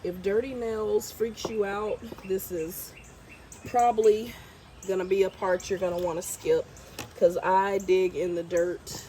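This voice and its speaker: A woman's voice: medium pitch, fairly even intonation, a little slow, dark tone, slight background noise. A congested woman vlogging as she plants her garden outdoors, chatty and thinking aloud while she works. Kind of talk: casual vlog narration while gardening. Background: birds and outdoor ambience.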